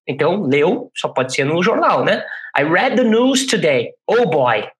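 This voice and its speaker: A man with a Brazilian Portuguese accent teaching English in a chatty classroom style, slowly repeating English phrases and checking in with "né?". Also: on the high side, big pitch swings. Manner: chatty, frequent "né?" check-ins. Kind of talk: casual classroom explanation.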